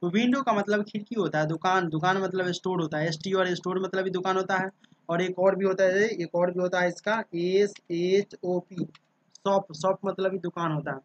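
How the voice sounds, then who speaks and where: A man's voice: sits high, steady tone, normal speed, no room sound. A man teaching English vocabulary in a casual spoken lesson, spelling each word out letter by letter and often checking in with his listeners. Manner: drills words by spelling them out letter by letter. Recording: dull, dry lo-fi sound.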